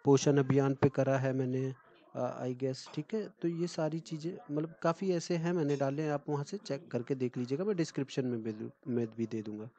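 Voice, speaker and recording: A man explains exam topics to students in a casual lecture, pausing often on fillers and checking in with "okay". His voice is mellow and fairly monotone. The recording sounds slightly muffled and lo-fi. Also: mid-range voice. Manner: chatty, frequent fillers and "theek hai" check-ins. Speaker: exam coaching tutor.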